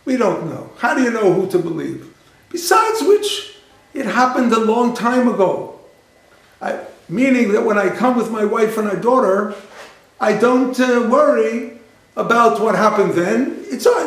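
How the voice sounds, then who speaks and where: Male rabbi lecturer, higher pitch, anecdotal storyteller, very roomy hall sound. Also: sing-song, unhurried. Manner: anecdotal, repeats phrases, acts out dialogue. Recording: very echoey lecture room.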